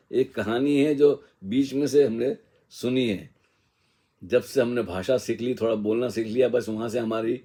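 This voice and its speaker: A man giving an unhurried, reflective spiritual discourse, musing with casual asides and slowly reciting couplets. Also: lowish voice, mellow. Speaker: spiritual teacher.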